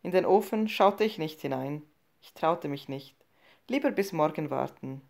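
A woman narrating a short story as an audiobook reading, in a calm, measured and subdued way. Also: low voice, creaky.

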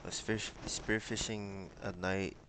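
A young man from Micronesia answering interview questions over a headset on a video call, hesitant and pausing with many fillers. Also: deep voice, little pitch movement, noisy background. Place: small room with bookshelves, indoors.

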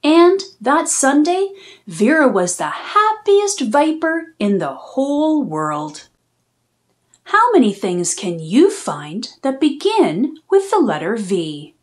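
Hosting a children's read-aloud, a woman reads a storybook at an unhurried pace. Her pitch swings widely and expressively, and she phrases each line deliberately for young listeners.

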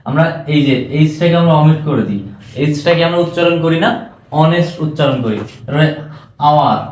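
A man's voice: a little high, darkish tone, lo-fi sound. A man with a Bangladeshi Bengali accent giving an exam-prep English lecture, often checking whether students have understood. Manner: keeps asking students if they understood. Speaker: English teacher. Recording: echoey room.

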